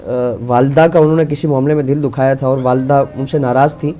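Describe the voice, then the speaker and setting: A man's voice: medium pitch, little pitch movement, warm tone. A man as a religious scholar on a call-in show, earnestly telling a story and quoting its figures in his own voice.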